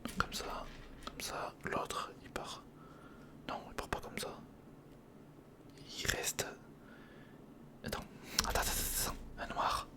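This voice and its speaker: Whispering over a hands-on build, a man hosts an ASMR video. He murmurs his way through each step and keeps up friendly, informal chatter with the viewer.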